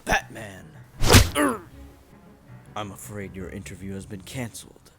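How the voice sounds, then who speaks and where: In an amateur superhero radio play, a man voices both a grim masked vigilante and a smug crooked lawyer. His voice is low-pitched and steady at a measured pace, his mood smug and orating, with music behind him.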